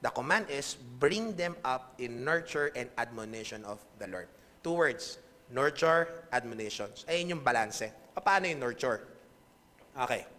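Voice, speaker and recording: A man's voice: mid-range voice, animated, unhurried, pushed and bright. A pastor with a Filipino accent preaching a conversational sermon to his congregation, checking in with them often. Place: church hall. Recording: echoey hall reverb.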